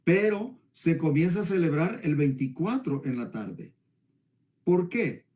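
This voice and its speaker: This Salvadoran pastor's voice sits on the high side, expressive and dark in tone, and he speaks a little slowly. Teaching about the Bible conversationally, he's didactic and keeps seeking agreement through tag questions.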